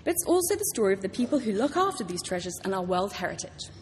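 A British woman author introduces a public reading with a prepared talk in a large library hall, telling stories to the live audience with enthusiasm. Her medium-pitched voice is fast and sing-song, recorded in a reverberant space with clear background noise.

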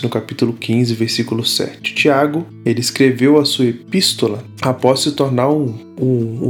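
A man teaching a Bible study series, explaining step by step and often pausing to restart. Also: mid-range voice. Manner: explanatory, frequent fillers and restarts.

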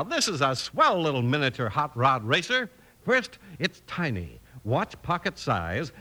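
An animated, bright man announces in old-time radio style, reading a 1950s script with emphatic, enthusiastic pitchman energy. The recording has the faint hiss of old radio.

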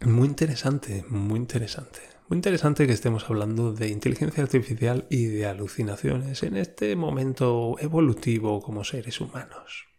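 A man's voice: medium pitch, moderate pace, creaky, hardly any pauses, dark tone. A man hosting a casual podcast monologue in a chatty way, laughing often and swearing freely. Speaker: podcast host.

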